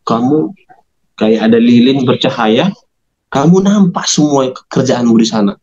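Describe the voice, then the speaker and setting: A man telling his conversion story in an interview, animated, acting out quoted dialogue in a raised voice. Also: mid-range voice, measured pace, breathy edge, lo-fi sound. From Medan, North Sumatra.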